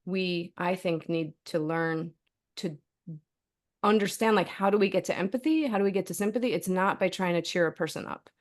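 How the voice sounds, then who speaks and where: A middle-aged woman talks through ideas in a relaxed interview, thinking aloud. Her voice sits on the low side for a woman, and she keeps checking in with the listener with "right?" and loose "like" fillers. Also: normal speed. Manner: thoughtful, frequent "like" and "right?" tags. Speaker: philosophy author and professor, interview guest. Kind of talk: conversational interview answer.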